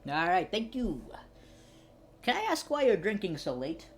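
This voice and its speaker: A game master voicing a middle-aged male bartender in a tabletop game: friendly, nosy, and quick to backpedal when a question lands wrong. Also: mid-range voice, very animated, a little hiss or hum, pitched above the performer's own voice. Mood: flustered.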